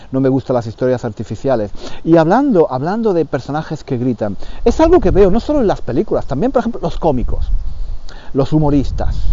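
A man's voice: on the high side, mellow, muffled recording, slight background noise. A man talks casually to learners, repeating his phrases and checking that they understand. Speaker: Spanish teacher for learners. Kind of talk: casual opinion talk for learners.

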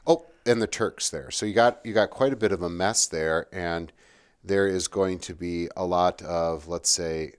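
A man's voice: sits low, normal speed, clear, resonant tone. A man in a casual history chat, rambling and checking in with his partner as he goes.

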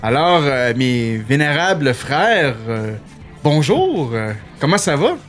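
Lively Québécois man hosting a show. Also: fairly high pitch, slow, soft background music. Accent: Québécois French. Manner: animated, lots of fillers. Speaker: podcast host. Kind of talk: casual radio chat.

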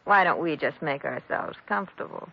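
A teasing flirtatious wife. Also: female voice, sits low, animated, normal speed, vocal fry, breathy edge, full character voice. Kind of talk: 1950s radio drama acting. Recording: dull old radio broadcast.

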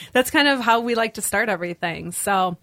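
A woman's voice: on the high side, lively intonation, unhurried, no room sound. Woman podcast host, dry studio sound. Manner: warm, laughs easily. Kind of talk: casual interview chat.

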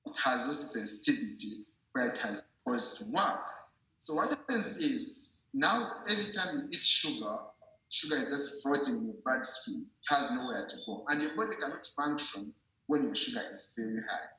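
A man with lively intonation and a medium-pitched, pushed, bright voice speaks at a moderate pace, giving an informal medical explanation. He is didactic, going over points again and asking if the listener understands. The room is very echoey.

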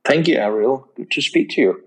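A man in his fifties from Denmark, a guest on an interview podcast, speaking in a measured, hesitant way with many fillers. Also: mid-range voice, lively intonation, fairly bright tone, slightly rough, rough recording. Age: 50s. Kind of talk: casual interview.

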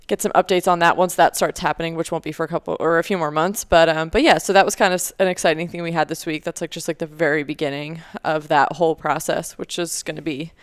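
A woman's voice: sits low, steady tone, fast talker, hardly any pauses, smooth, no room sound, studio quality. A young woman co-hosting a podcast, chatting casually with lots of fillers and easy laughter. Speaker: podcast co-host. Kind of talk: casual chat.

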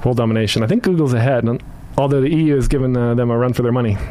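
Male interview guest, 30s, quick speech, mid pitch, upbeat, easygoing. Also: dark tone. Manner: upbeat, easygoing, many fillers. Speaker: guest, company founder. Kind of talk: casual interview chat.

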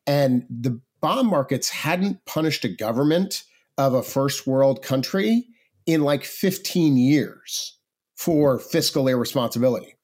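Casting: male expert guest, middle pitch, informal explainer who talks conversationally and checks in with the listener. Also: expressive, a little slow, a little mellow. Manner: informal, explanatory, checks in with "right?" and "you know". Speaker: podcast guest, financial policy advocate.

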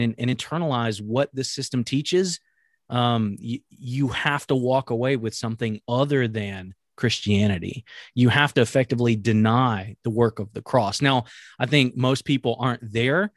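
An earnest man co-hosting a faith-based talk show, speaking in a middle-pitched voice. He talks in a measured way, pausing often on ums and restarting his sentences. The recording is dry and close, with no room sound. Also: dry recording.

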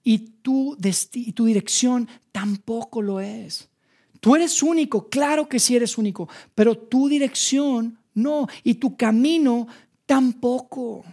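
Emphatic Mexican preacher, mellow tone. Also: male voice, extremely high pitch, takes it slowly. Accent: Mexican Spanish. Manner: emphatic, repeats rhetorical questions, drops to hushed tones. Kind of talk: sermon.

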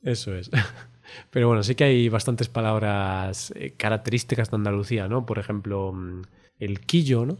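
A man hosts a relaxed podcast conversation. He talks in an explanatory way and keeps checking in with his co-host through little tag questions. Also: lowish voice, moderate pace. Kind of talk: casual podcast chat.

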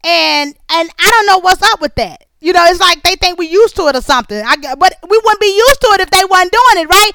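A woman with a high, sharp voice chats casually, taking listeners through a long story full of asides and repeated phrases. Her talk is lively and nosy in tone, and the sound is close and dry. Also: fairly quick, few pauses, dry recording. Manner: chatty, nosy and animated, talking straight to listeners. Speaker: podcast host.

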